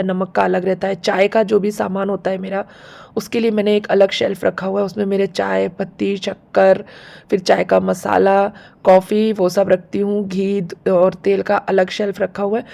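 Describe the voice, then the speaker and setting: A woman with a sore, hoarse throat chatting casually through a home vlog, explaining things step by step. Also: mid-range voice, warm tone. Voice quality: gravelly, husky. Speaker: home vlogger.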